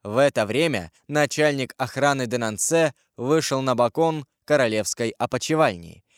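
Guy reading an audiobook, steady and expressive, dry close sound. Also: medium pitch, clean tone, no room sound. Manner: measured, expressive. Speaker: narrator.

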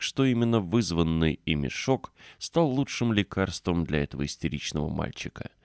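A man reads a children's story aloud with expressive storytelling. His voice sits very low, and the recording is dry and close, with no room sound. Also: no room sound. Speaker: audiobook narrator. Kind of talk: scripted narration.

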